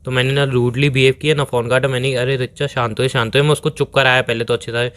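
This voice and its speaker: A man's voice: mid-range voice, flat delivery, fast, a bit bright. A man playing a boyfriend on a phone call, rambling defensively and pleading to be heard. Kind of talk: scripted couple call recording.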